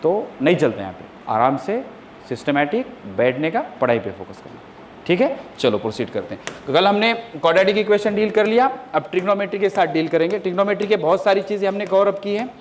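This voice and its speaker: A man teaching a coaching class, first scolding students loudly about discipline, then calmly dictating formulas step by step in a classroom. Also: sits high, quick pace, a little hiss or hum. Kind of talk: classroom lecture.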